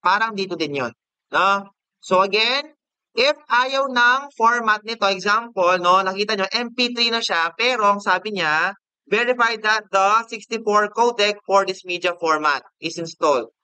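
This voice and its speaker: A man with a Filipino accent teaching a screen-recorded software lesson, casual and checking in with the class often. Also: sits high, unhurried, smooth, no echo.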